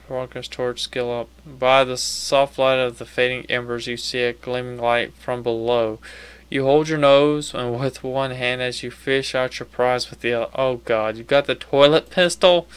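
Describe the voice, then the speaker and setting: Male gamer, unhurried and crisp, casually reading game text and reacting in a dry-sounding space. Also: medium pitch, a bit bright. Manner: self-talking, casually reacting. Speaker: gamer playing on commentary. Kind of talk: casual game commentary with on-screen text read aloud.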